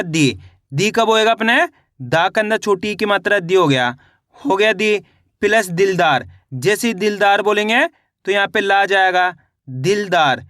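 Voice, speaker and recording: A man's voice: sits high, a bit bright, no room sound, studio quality. A man teaching children to read, sounding out each word syllable by syllable and repeating it patiently. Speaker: Hindi reading teacher. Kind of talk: slow spelling lesson, syllable by syllable.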